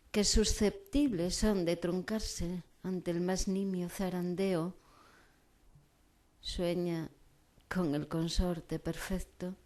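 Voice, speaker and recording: A woman poet reciting her own verse in a grand, solemn declamation, with measured, dramatic phrasing and long pauses. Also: fairly low pitch, darkish tone.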